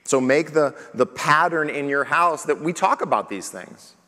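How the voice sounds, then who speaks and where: A man preaching as pastor at a parenting conference, talking lively and acting out the questions he asks his children. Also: on the high side, moderate pace, in a large hall. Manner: animated, acts out questions to his kids.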